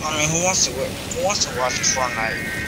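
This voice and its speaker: A man's voice: mid-range voice, lively intonation, normal speed. A young man chatting casually as he streams a game, talking in sweary frat-bro slang over game noise. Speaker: gamer streaming to viewers. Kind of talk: casual live gaming chatter. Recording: noisy game sound behind voice.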